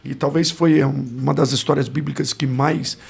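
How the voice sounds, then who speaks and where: Here a Brazilian pastor in his forties shares his life story on a podcast, musing reflectively and regularly searching for words. His mid-range voice carries vocal fry and a slight roughness, with fairly even intonation at a normal speed and a Brazilian Portuguese accent.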